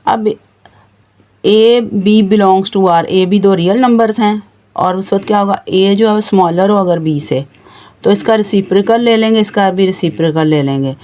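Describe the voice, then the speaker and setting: A woman's voice: mid-range voice, unhurried, mellow. Patient woman teaching math step by step. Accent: Pakistani Urdu. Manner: patient, stepwise explanation with frequent pointing words. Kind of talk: explaining a math lesson.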